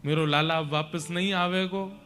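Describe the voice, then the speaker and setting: A man's voice: on the high side, steady tone, normal speed, fairly bright tone, soft background music, close to an everyday voice. A man voicing the heartbroken village mother Yashoda, speaking tearfully in a Braj accent. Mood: tearful, pleading. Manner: tearful, rustic dialect.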